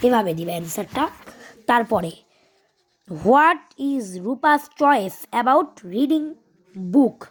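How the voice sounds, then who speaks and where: A woman teaching a video lesson, explaining carefully with frequent hesitations and reading English lines slowly. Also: fairly high pitch, lively intonation.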